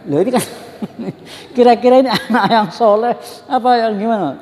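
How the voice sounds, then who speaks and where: A man teaching a religious study class in a lively, joking way, often turning to address his listeners directly. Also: very high-pitched, normal speed. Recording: long hall reverb.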